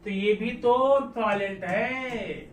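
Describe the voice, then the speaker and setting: A man's voice that sits high and moves at a slow pace, with a little hiss or hum on the recording. He is teaching grammar in a classroom, questioning his students constantly and repeating key words, captured from a distance in an echoey room.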